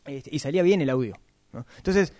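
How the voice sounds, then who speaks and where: A man, giving a casual, chatty talk about podcasting and often tagging his points with quick questions. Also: a little high, lively intonation, darkish tone. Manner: chatty, frequent tag questions.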